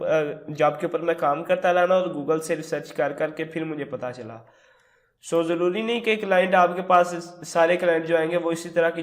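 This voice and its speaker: Man with a sore throat explaining a tutorial. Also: a little high. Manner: relaxed, explains step by step with English words mixed in. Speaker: tutorial host. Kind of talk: screen-recorded tutorial walkthrough.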